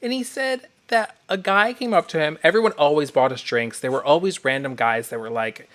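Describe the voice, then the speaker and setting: A man with a campy, animated manner, telling a backstage story as a podcast host. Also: a little high, brisk. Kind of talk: casual storytelling.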